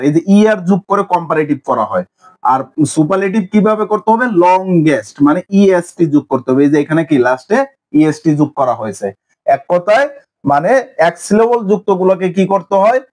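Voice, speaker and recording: A man's voice: sits high, darkish tone. A young man teaches an English grammar lesson online, asking questions and answering them himself.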